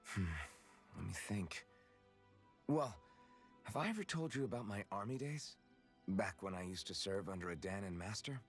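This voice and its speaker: An actor playing an earnest, kind young soldier hero in a game, speaking gently and reflectively. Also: male voice, lowish voice, expressive, normal speed, pauses often, soft background music. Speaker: game character, young male swordsman. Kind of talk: game voice acting.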